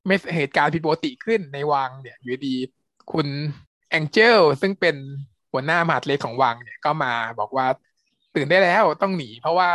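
A man co-hosting a podcast, retelling a series plot in a relaxed, meandering way. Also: on the high side, a little fast, no echo. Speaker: podcast co-host, series reviewer. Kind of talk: casual review chat.

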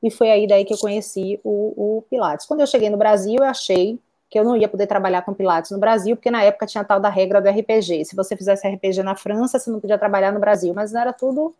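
Bahian lady, middle-aged, chatting away as a guest, lots of asides, normal pitch. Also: fairly even intonation, fast talker, hardly any pauses, dark tone. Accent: Bahian Portuguese. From Bahia, Brazil. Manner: talkative, storytelling with asides. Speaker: guest, pilates instructor and physiotherapist. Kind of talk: casual conversation.

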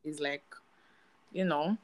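A woman's voice: low-pitched, slow, poor audio. Chatty young woman. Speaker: podcast co-host. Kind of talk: casual chat.

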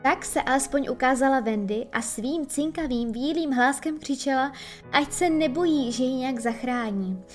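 A woman with a high voice narrates a children's fairy tale as an audiobook. Her delivery is expressive and storytelling, and soft music plays faintly behind her. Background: faint background music.

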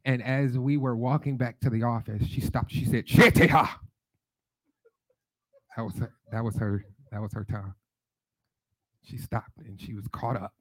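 A man with a Detroit accent preaches a sermon in a mid-range, level, slightly mellow voice at a moderate pace. He sings prayer lines, then teaches through call-and-response and storytelling, though the dry recording has poor audio.

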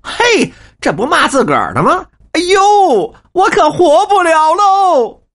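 A narrator voicing a furious old man from Beijing who shouts curses in a high, strained voice. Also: huge pitch swings, moderate pace, gravelly, slightly rough, full character voice. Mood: raging.

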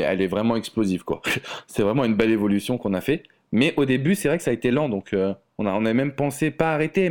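A man from France chatting loosely as an interview guest. He talks in an easygoing way, full of fillers and restarts, at an ordinary mid pitch for a man. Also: darkish tone. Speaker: relationship coach, guest. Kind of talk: casual interview chat.

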